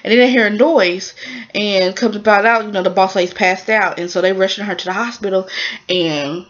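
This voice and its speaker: A woman's voice: medium pitch, fairly quick. A woman casually recapping a drama episode in a rambling way, with plenty of fillers. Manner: rambling, many fillers, acts out the characters' lines. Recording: dull lo-fi recording.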